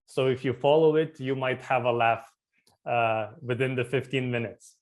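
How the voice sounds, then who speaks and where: A man's voice: mid-range voice, steady tone. Lithuanian-born man presenting remotely. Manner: halting, many fillers and restarts. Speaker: startup community co-founder presenting. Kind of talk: conference talk over video. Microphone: remote video call.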